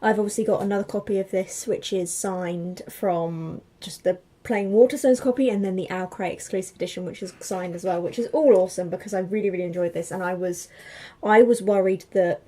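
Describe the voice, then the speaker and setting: A young woman chats her way through a book review. Her voice is mellow and warm, and she rambles with plenty of fillers and false starts. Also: mid-range voice, brisk. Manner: chatty, rambling with many fillers and restarts. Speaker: book vlogger.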